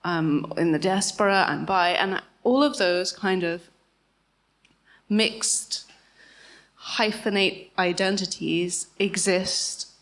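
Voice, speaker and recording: A woman on a live book panel, speaking chattily with small laughs and quick self-corrections. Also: lowish voice, a bit bright. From Scotland. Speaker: panelist, writer. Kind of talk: casual chat at a live panel.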